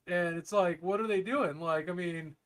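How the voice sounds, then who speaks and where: A man's voice: sits high, normal speed, fairly bright tone. A man co-hosting a live podcast in casual chat, blunt and profane, laughing often. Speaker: podcast co-host.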